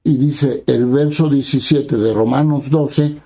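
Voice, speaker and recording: A man preaching a sermon in a very dark, mellow voice at a medium pitch. He reads verses aloud and then explains them in everyday words. He keeps asking his listeners short questions as he goes. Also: slow, creaky, low-quality recording. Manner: asks the listeners brief rhetorical questions.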